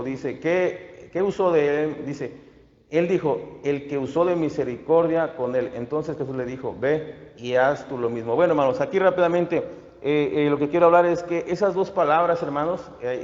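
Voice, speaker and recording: A male pastor giving a sermon, halting with many fillers and restarts. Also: on the high side, a little mellow. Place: church. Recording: echoey hall, dull lo-fi sound.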